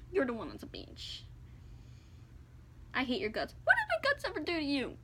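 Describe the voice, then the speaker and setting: A woman's voice: high-pitched, a bit bright, slight background noise. A woman vlogger reading comments aloud and firing back with sarcastic, indignant comebacks. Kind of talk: casual chat.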